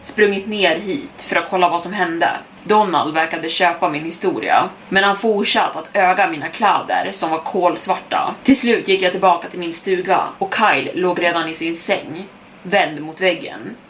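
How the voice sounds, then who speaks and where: A woman's voice: on the low side, fairly bright tone, a little hiss or hum. A young adult woman narrating a scripted first-person horror story for a podcast, reading steadily and speeding up in tense passages.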